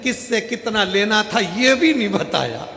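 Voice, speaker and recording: A man's voice: sits high, big pitch swings, a little slow, vocal fry, pushed and bright, voice pushed up, heavily acted. A man doing a greedy, fake-weeping son. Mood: mock-tearful. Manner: mock-tearful. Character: greedy grown son feigning grief. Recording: echoey hall, faint music.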